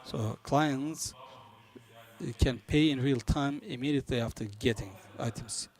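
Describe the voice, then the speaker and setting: A man who is not a native English speaker gives a business conference presentation, halting as he searches for words. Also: medium pitch, darkish tone. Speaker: conference presenter for a banking software company.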